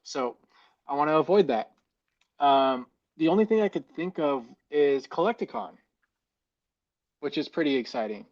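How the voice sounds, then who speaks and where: A man's voice: fairly high pitch, expressive, moderate pace, pauses often, darkish tone. A man co-hosting a casual chat in a rambling way, his voice hollow and muffled as if inside a fishbowl, recorded through a mic plugged into a phone. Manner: rambling, loose, heavy on "like" fillers. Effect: hollow muffled fishbowl sound. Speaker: co-host. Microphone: external mic plugged into a phone.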